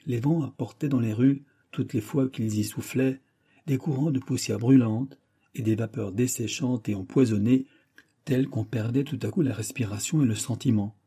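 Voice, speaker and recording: A male audiobook narrator reads a classic novel in a measured, dramatic way. His voice is very dark and mellow, with a husky edge. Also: mid-range voice. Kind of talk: scripted narration.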